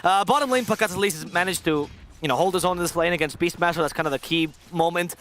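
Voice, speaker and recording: A man casting a live esports match, analysing the play quickly and slipping in jokes. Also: high voice, fairly bright tone, a little hiss or hum. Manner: fast, analytical, joking. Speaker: esports caster. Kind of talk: live game commentary.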